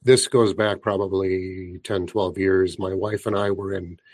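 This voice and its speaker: A man hosting a conversational interview, telling anecdotes in an unhurried, relaxed way. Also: sits low, no room sound.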